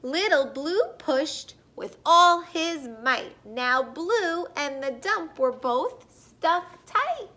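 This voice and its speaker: Woman reading a kids picture book real slow, high bright sing-song voice. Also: expressive. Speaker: storyteller. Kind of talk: children's picture book read-aloud.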